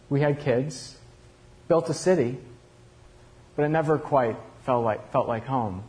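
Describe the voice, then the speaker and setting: A man's voice: medium pitch, darkish tone, lightly acted. A man playing Cain in a first-person dramatic monologue, telling his story in a confessional, reflective way. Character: Cain, aging regretful male murderer looking back.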